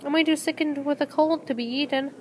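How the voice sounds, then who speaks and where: A woman reading the lines of a sick old grandmother with a cold, softly pleading. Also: high voice, steady tone, fast talker, close to an everyday voice.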